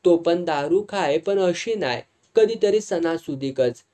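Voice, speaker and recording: A blunt, caring village matron from a storybook reading speaks with a Malvani accent, as a reader puts her on. She is firm and scolding, and her voice sits mellow and dark. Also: mid-range voice, lively intonation, slow pace. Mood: pleading. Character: stern middle-aged village woman, blunt and caring.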